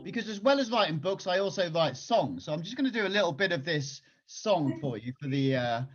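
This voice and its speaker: A man's voice: on the high side, expressive, a little fast, highs cut off. A man, a children's author, talking casually on a video call and performing his own songs and raps at a piano. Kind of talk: casual talk with singing and rapping. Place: at a piano, home. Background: piano music.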